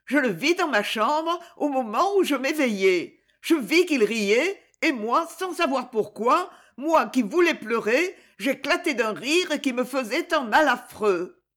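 A woman's voice: high voice, expressive, unhurried, a bit bright, voice pushed up, exaggerated voice. A woman voicing a crazed, terrified middle-aged mother who speaks in a hollow, trembling voice. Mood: haunted dread.

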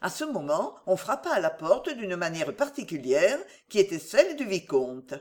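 A woman narrating a novel as an audiobook reader, in expressive storytelling style. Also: fairly low pitch, moderate pace. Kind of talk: scripted narration.

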